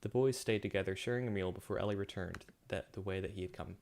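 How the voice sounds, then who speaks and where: A man's voice: sits low, fast, gravelly, a little mellow, a little hiss or hum. A man reading his own science fiction story aloud, with occasional slips and self-corrections. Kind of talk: story narration.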